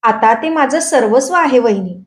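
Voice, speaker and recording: A devoted young man firmly defends his new wife, voiced by a woman reader. The storybook voice stays high and clear. A roomy echo hangs on each line. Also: animated, normal speed, natural voice.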